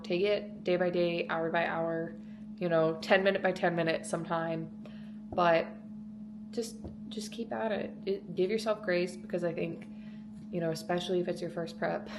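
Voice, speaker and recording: A woman's voice: fairly low pitch, vocal fry, noisy background. A woman chatting casually to her viewers in an encouraging, reassuring way, as a fitness vlogger. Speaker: fitness competitor and coach vlogging contest prep.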